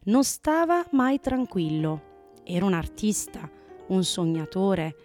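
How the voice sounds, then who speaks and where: A woman narrating a children's story in a gentle, measured manner. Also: lowish voice.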